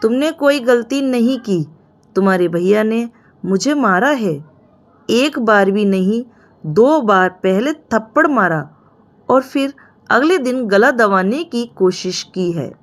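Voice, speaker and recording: This is a young married woman in a storybook tale, wounded and quick to anger. Her words come out sharp and slightly raised, held at a slow, deliberate pace, with a woman reading her part. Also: a little high, expressive. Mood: angry. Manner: sharp, raised voice when angry.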